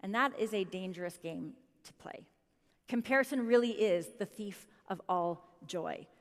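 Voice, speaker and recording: A woman in her thirties giving a motivational keynote speech, animated and quizzing the audience directly. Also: mid-range voice, normal speed. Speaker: keynote speaker. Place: conference hall stage. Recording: long reverb of a large hall.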